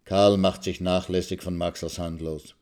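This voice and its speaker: A low-voiced man reads a literary short story in a calm, measured manner. He narrates steadily and unhurriedly, with his voice sitting slightly low for a man. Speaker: reader of a short story on radio. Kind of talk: literary reading.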